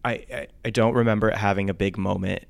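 A man's voice: fairly low pitch, fairly even intonation, creaky. A man in his thirties, a podcast co-host, chatting casually and poking fun at himself. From United States. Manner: chatty, self-mocking, quick asides. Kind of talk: casual chat.

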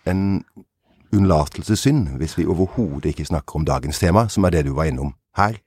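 A man's voice: deep voice, animated, a little mellow, slightly rough, no echo, clean studio sound. A man hosting a podcast in a conversational, wordy and playfully formal way. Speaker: podcast host.

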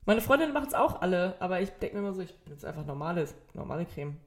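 A woman's voice: lowish voice, sing-song, racing. A young woman co-hosting a podcast, making skeptical, teasing remarks in casual conversation. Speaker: podcast co-host. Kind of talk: casual book-discussion chat.

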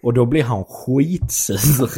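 A man's voice: medium pitch, lively intonation, mellow, breathy edge. A young male stand-up comedian telling an anecdote in casual chat, rambling and full of fillers.

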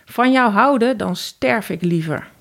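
A woman voicing Narcis, a proud young male hunter who calls out loudly and runs from love. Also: medium pitch, lively intonation, measured pace, creaky. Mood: calling out.

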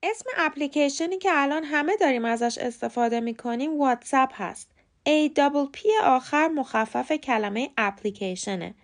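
A woman with a Persian accent leads a short pronunciation lesson, and her fairly high voice carries a gravelly fry. She spells words out letter by letter and repeats the correct forms slowly. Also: animated. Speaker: podcast host and English pronunciation teacher. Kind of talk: scripted language lesson.

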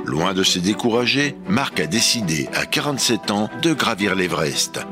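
A man hosting a scripted radio chronicle, reading facts and dropping jokey asides in a playful tone. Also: lowish voice. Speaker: radio show host.

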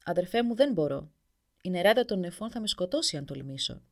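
A woman's voice: lowish voice, animated. Woman reading a scared guy backing out, fearful, storybook. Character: fearful male singer, hero's brother.

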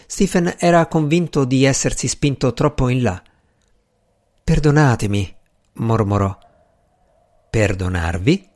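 A man reads a novel aloud as an audiobook narrator. His delivery is calm and even, with mid-range pitch. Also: moderate pace, few pauses.

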